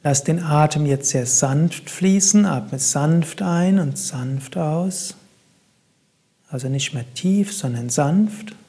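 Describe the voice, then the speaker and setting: A man guiding a meditation in a calm, soft-spoken way, with long pauses between instructions. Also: fairly high pitch, breathy edge. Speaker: meditation guide.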